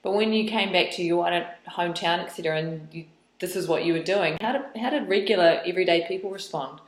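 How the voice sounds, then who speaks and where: A woman interviewing a guest, asking curious, gently probing questions and affirming with soft mms. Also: lowish voice, quick pace, roomy sound, poor audio.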